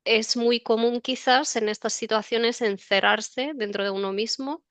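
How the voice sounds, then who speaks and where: A woman hosting an interview podcast, speaking thoughtfully with hesitant pauses. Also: a little high, fairly even intonation, a bit bright, dry recording. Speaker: podcast host. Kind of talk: conversational interview.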